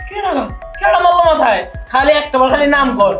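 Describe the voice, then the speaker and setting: A woman playing a quick, argumentative young in-law in a comedy short film. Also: high voice, very animated, fairly bright tone, lo-fi sound, soft background music. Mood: arguing. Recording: echoey room.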